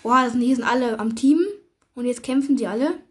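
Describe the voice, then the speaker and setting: A young woman hosting a gaming video, chatting casually with slang and excited gasps while she plays. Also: on the high side, fairly quick.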